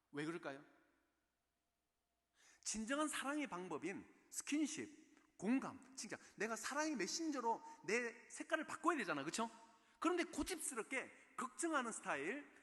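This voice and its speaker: A man's voice: extremely high pitch, pushed and bright. A man giving a special lecture on parenting at a church, often checking in with the audience through rhetorical questions. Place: church in Seoul. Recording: echoey church hall.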